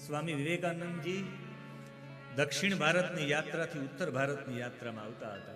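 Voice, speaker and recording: A man giving a devotional storytelling sermon, an animated teller who swings between hushed and loud emphatic lines. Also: on the high side, fairly quick. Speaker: spiritual speaker. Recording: long hall reverb with music behind.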